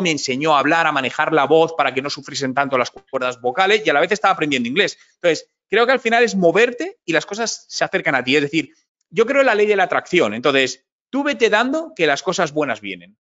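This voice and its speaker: A man speaks in a fairly high voice, telling anecdotes in a relaxed interview. He slips into quoting himself and others as he goes. The sound is dull and a bit lo-fi. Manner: storytelling, animated quotes of himself. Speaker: interview guest, digital marketing expert. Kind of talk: conversational interview.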